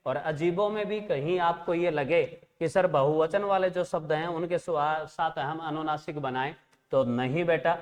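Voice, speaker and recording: Male teacher going thru spelling words, slightly high voice, lots of reverb, patient. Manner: patient, corrects pronunciation, calls students "beta" and "friends". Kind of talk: exam-prep language lesson. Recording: long reverb.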